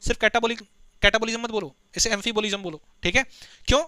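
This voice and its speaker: A man teaching biology for an exam, explaining step by step, asking students quick questions and mixing in read-out English textbook lines. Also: high voice, fairly even intonation, bright, forceful tone, smooth, no room sound. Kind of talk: exam-prep lecture.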